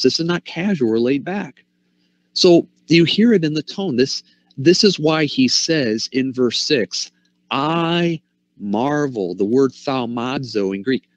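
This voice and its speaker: A man's voice: mid-range voice, no room sound, muffled recording. A man preaching a passionate sermon, asking the congregation rhetorical questions. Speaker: pastor.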